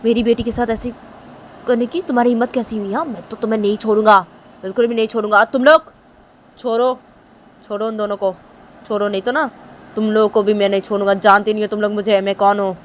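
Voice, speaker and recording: A woman's voice: mid-range voice, fairly quick, a little hiss or hum, lightly acted, low-quality recording. A woman voicing an angry protective father who threatens and demands answers. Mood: furious. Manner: threatening, demanding, repeats "हाँ?".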